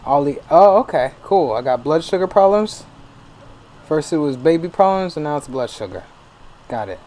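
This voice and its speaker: A man's voice: on the high side, animated, normal speed, a little mellow, slight background noise. A man ranting profanely in casual let's-play commentary as a gaming streamer. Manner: profane, ranting, laughing asides.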